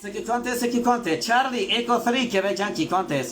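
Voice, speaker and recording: A man making ham radio contest calls, briskly repeating call signs in the phonetic alphabet. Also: high voice. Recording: loud radio static noise.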